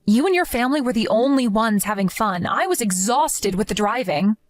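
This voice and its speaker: Woman voicing a young wife, aggrieved, complaining, somewhat high voice, animated pitch, dry recording, chat-story drama. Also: dry recording, lightly acted.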